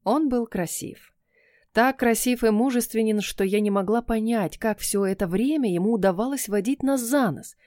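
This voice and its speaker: A woman narrating an audiobook in first person, with expressive storytelling. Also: on the high side, moderate pace, no room sound, studio quality.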